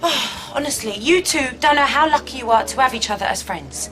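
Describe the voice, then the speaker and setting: A bossy young woman, very high bright voice, fed up. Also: lively intonation, fairly quick. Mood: exasperated. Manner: bossy and exasperated. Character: exasperated young woman scolding two older relatives.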